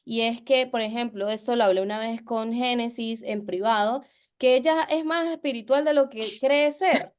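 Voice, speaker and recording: A woman co-hosting a podcast discussion, reflective and measured as she explains her view at length. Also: a little high, clear, resonant tone. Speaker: podcast co-host.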